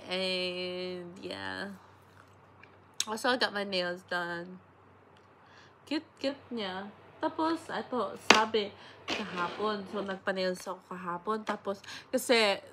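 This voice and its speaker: Young Filipino woman, bright voice, sick, rambling casual vlog chat with frequent swearing. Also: mid-range voice, slight background noise. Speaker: vlogger.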